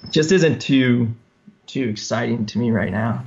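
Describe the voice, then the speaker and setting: A man talking as a guest fishing guide over a video call, relaxed and matter-of-fact. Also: medium pitch, a little slow, highs cut off. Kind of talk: casual chat.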